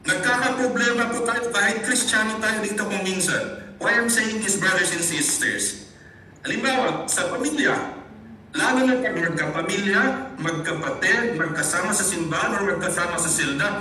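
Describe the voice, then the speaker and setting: A pastor from the Philippines preaches a sermon in a high, piercingly bright voice, blending Tagalog and English and turning again and again to his brothers and sisters. His voice comes from well off the mic and rings around a very echoey room. A faint hiss sits under the recording. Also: moderate pace, far from the mic. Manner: preaching with repeated addresses to the congregation; mixes Tagalog and English in teaching.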